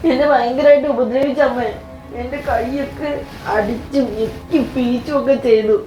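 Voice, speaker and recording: Actress as crying young wife, high voice, echoey lo-fi sound. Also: female voice, steady tone, normal speed, dark tone, close to an everyday voice. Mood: tearful. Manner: tearful, despairing. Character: young married daughter, beaten and in despair. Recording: echoey, dull lo-fi sound with faint music.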